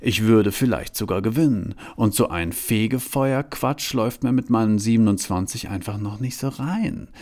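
A man's voice: moderate pace, few pauses, darkish tone, natural voice. A man reading a story aloud, voicing a cocky 27-year-old woman who talks in a brash, challenging way. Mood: grumbling. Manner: brash, challenging, rising into shrill teasing. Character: young woman, 27, feisty and cocky.

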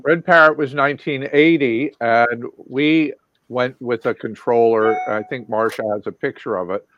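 A man's voice: mid-range voice, moderate pace, dry recording, muffled recording. A male guest lighting designer recalling old projects in a rambling, casual way, full of fillers and restarts. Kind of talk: casual recollection.

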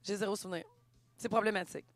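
A woman's voice: medium pitch, fast talker, no echo, faint music behind. A woman with a Québécois French accent, co-hosting a podcast and telling stories in casual chat. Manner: animated storytelling, swears casually. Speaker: podcast co-host.

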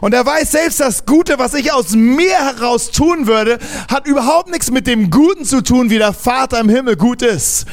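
A man with a high-pitched voice preaches a sermon to his congregation. He talks in a lively, emphatic way, restarting sentences and dropping casual slang among the teaching. His voice rises and pushes forward when he makes a point. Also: moderate pace, few pauses.

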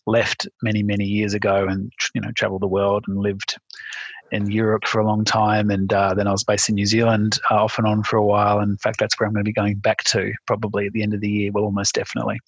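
Husky low-voiced man. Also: monotone, quick pace, no echo, highs cut off. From Melbourne, Australia. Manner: thoughtful, hesitant with many fillers. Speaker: podcast guest. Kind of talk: casual interview chat.

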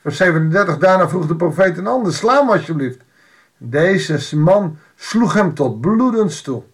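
A man's voice: sits high, animated, moderate pace. A man giving an informal Bible devotional, reading a passage aloud and explaining it in a conversational way with wry asides.

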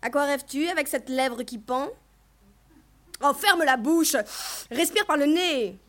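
A woman doing a shrill, furious scolding mother. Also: fairly quick, close to an everyday voice. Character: harsh scolding mother, middle-aged woman.

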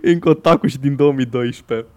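A man's voice: mid-range voice, a little mellow, no room sound. A man co-hosting a casual podcast, joking sardonically and reading news aloud. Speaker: podcast co-host. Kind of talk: casual chat.

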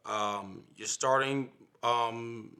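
Bright, animated fantasy football co-host man. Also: mid-range voice, drawn-out words, clean tone. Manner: animated, emphatic, jokey. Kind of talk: casual sports chat.

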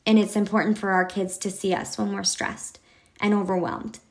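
A woman's voice: medium pitch, flat delivery, moderate pace. A woman, probably in her thirties, speaks candidly in a casual vlog, reflecting as a mother with fillers and restarts. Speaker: mother and vlogger. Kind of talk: casual personal vlog talk.

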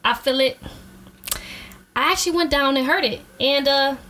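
A woman's voice: high-pitched, normal speed, bright, forceful tone, a little hiss or hum. A woman co-hosting a casual podcast chat, talking in a laid-back, slangy way and laughing often. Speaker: co-host.

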